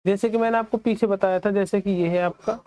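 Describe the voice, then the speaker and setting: An Indian man teaches a maths lesson. He keeps quizzing his students, then answers in their place in a quieter, lower voice. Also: steady tone, a little fast, no echo. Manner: asks questions and answers them for the students; drops lower and softer on the students' replies.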